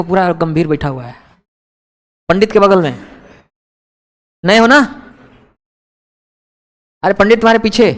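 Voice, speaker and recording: High-voiced, unhurried male teacher. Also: fairly bright tone, clean tone. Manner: keeps checking with the class and teasing students. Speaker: English teacher. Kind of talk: classroom grammar lecture. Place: classroom with students.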